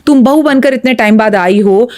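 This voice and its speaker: A woman's voice: on the high side, normal speed, darkish tone. A woman astrologer giving blunt, emphatic advice as a guest on a podcast interview. She often retells stories with quoted dialogue.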